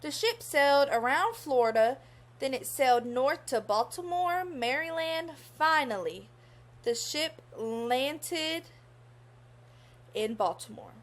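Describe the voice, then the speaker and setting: Reading a kids' story with expression, a young woman uses a high, animated voice. In teacherly fashion, she pauses to ask her young audience questions.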